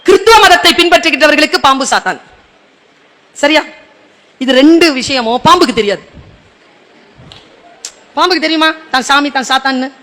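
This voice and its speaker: High, bright-voiced man giving a rousing speech. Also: normal speed, pauses often. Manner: rhetorical, quizzes the audience directly; acts out short dialogues in between. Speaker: motivational speaker addressing students. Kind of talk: public motivational speech.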